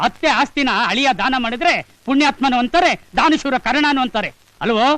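Scolding father, middle-aged, stingy, rapid, dry sound. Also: very high-pitched, pushed and bright, no echo, poor audio. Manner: grumbling and scolding. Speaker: the hero's father. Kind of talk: Kannada film dialogue.

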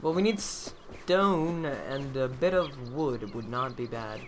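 A man's voice: medium pitch, takes it slowly. A man hosting a casual gaming video, joking with friends while he plays. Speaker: channel host, game player. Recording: noisy gameplay audio.

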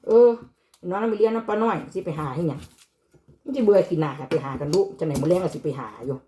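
Woman, Isan accent, chatty home-cooking talk, lowish voice, faint kitchen noise. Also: expressive, fast talker, dark tone. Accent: Isan (Northeastern Thai). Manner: chatty, mixes Isan and Thai. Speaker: vlogger mother. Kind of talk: casual chat while cooking.

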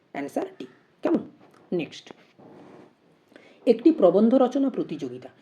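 A woman's voice: medium pitch, warm tone. A woman teacher going through exam practice questions step by step, often asking herself "why?" before she explains. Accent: Bengali. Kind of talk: exam-prep lesson.

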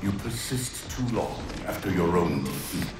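An actor playing a cold, commanding ancient alien villain in a game cutscene, slow and contemptuous. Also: male voice, expressive, very noisy. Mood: cold menace. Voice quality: deep gravelly voice. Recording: game cutscene with loud score, reverberant.

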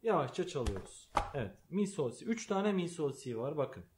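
A man giving a slow, patient piano lesson, calling out note names as he plays. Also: fairly high pitch, big pitch swings. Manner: calls out note names while playing, explains patiently. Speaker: piano teacher. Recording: piano music under the voice. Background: piano playing.

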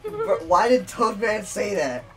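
A man streaming with friends in casual gaming chat, excitable and rambling, repeating words quickly. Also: sits high. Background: game music.

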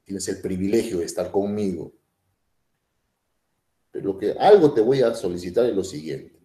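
A man's voice: low voice, expressive, normal speed, warm tone, echoey room. A man doing a bossy macho worm. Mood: smug. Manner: boastful, domineering, smug. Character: small bossy macho male pinworm.

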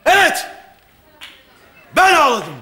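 A man's voice: very high voice, huge pitch swings, slow pace, heavy background noise. A man in a comedy sketch who flusters through denials and then gives an indignant speech. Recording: echoey stage with loud music.

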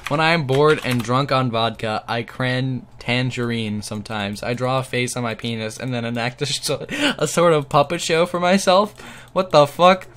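A man's voice: mid-range voice, moderate pace, fairly bright tone, clear, resonant tone. A man hosting a gaming video on a headset mic, reading funny stories aloud and often cracking up mid-read.

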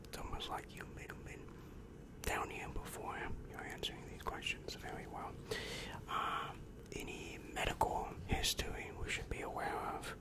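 In this ASMR roleplay, a young man plays a demon counselor, posing gentle questions in a breathy whisper right up against a large mic. The pace is slow and measured, and the setting is a small, dimly lit room indoors.

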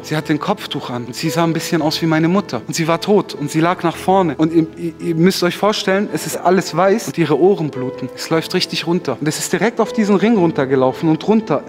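Man guest, slightly higher voice, earnest storyteller with restarts; reverberant room, faint music underneath. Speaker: interview guest. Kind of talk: recounting a personal story.

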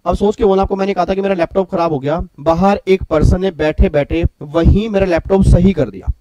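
A man lecturing at speed through an exam revision class, repeating each rule in short chanted phrases and breaking off to call on his students. His voice sits fairly high but sounds mellow and dark. The sound is dry and close, with little room around it. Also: steady tone, no echo, lo-fi sound. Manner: rapid, repetitive drilling of rules, addresses students directly. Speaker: tax law lecturer.

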